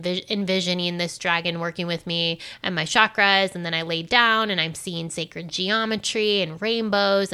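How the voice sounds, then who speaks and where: A woman casually telling a personal story, animated and acting out the dialogue. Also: fairly low pitch, clean tone. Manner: animated, acts out quoted dialogue.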